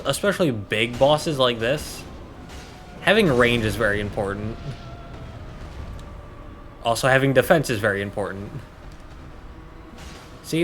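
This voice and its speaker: A man's voice: medium pitch, a bit bright, a little hiss or hum. A man giving casual, joking commentary as he plays through a game. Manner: chatty, joking asides. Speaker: gameplay commentator.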